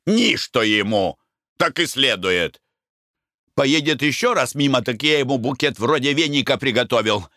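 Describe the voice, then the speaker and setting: A man voicing a coarse, rowdy middle-aged merchant who shouts and curses boisterously. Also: medium pitch, big pitch swings, normal speed, no room sound, clean studio sound. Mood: gleeful scheming.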